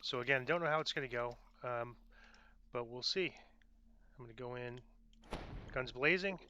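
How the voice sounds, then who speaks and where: A man's voice: mid-range voice, normal speed, sharp tone, lo-fi sound, slight background noise. A man giving casual gameplay commentary, thinking aloud in a self-deprecating way. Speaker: gamer narrating own gameplay.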